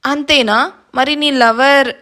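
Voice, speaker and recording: A woman's voice: high voice, steady tone, slow pace, pushed and bright, full character voice. Woman voicing a teasing young man caller. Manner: teasing, playful.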